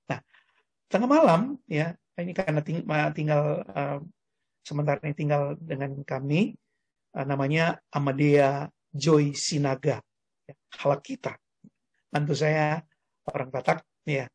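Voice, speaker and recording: An older man, a grandfather, preaching a lively sermon on a video call and having listeners repeat after him. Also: fairly high pitch, a little slow, gravelly, long pauses, breathy edge. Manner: animated, calls congregation to repeat words. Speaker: pastor.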